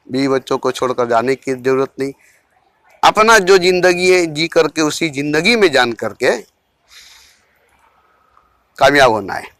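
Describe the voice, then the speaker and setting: Spiritual teacher, male, slightly high bright voice, dry close sound, unhurried phrasing with repeated lines. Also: no echo. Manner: measured, repeats key phrases for emphasis. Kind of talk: informal spiritual talk.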